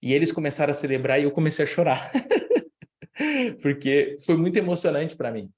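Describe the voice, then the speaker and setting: Lively Brazilian man preaching. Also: quick pace. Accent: Brazilian Portuguese. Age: young adult. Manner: lively storytelling, acts out dialogue with big pitch jumps. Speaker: youth week speaker. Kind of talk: sermon with personal story.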